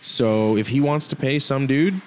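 A man co-hosting a casual hockey podcast, joking and rambling with quick asides. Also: medium pitch, expressive. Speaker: podcast co-host.

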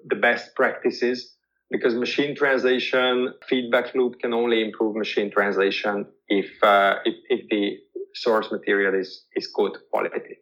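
A guest whose first language is Hungarian answers interview questions thoughtfully in a slightly bright, mid-range male voice. He repeats words while hunting for the right phrasing, and the audio is dull and lo-fi.

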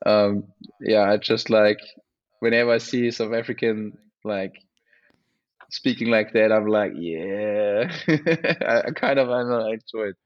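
An Austrian man, native in German, talks casually in a low voice with very little melody. He is hesitant and often searches for words. The recording is a little dull. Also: steady tone, normal speed. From Austria, small village. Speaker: interview guest, mountain bike rider. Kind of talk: casual chat.

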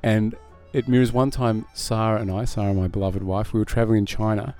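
A man's voice: lowish voice, little pitch movement, brisk, darkish tone, soft background music. A middle-aged musician, a man, chatting as a podcast guest, rambling and self-deprecating with frequent laughs. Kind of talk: casual podcast interview.

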